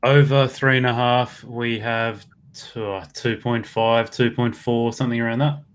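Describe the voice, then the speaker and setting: A man's voice: mid-range voice, little pitch movement, a little slow, clear, resonant tone. A man with an Australian accent hosts a live sports betting stream. He keeps it upbeat and matey, with a voice in the middle register. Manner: upbeat, matey, calls everyone mate. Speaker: host.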